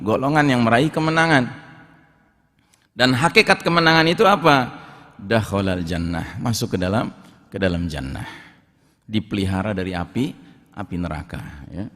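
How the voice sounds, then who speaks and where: A man's voice: mid-range voice, a bit bright, in a large hall. A male Islamic preacher giving a sermon in a folksy, conversational way, often adding tag questions to his points. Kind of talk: sermon storytelling.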